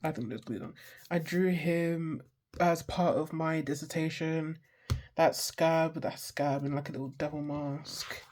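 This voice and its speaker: An unhurried art vlogger in their twenties speaks with a stuffy, darkish mid-range voice and fairly even intonation, with slight background noise. Rambling through a sketchbook tour, they swear, joke about themselves, and lose their train of thought mid-sentence.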